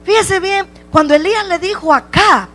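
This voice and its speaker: Male pastor, sermon delivery: emphatic, slow-stretched lines, rising to shouts, voice held way up high. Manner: impassioned, repetitive rhetorical questions, shouting at peaks; drawn-out emphatic phrases. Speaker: preacher. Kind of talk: Spanish-language sermon.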